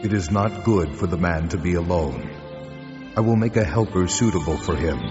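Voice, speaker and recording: An actor playing God as a solemn, commanding creator in a dramatized audio Bible, measured and authoritative. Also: male voice, deep voice. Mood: caring, decided. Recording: long cavernous reverb, dull audio, music behind.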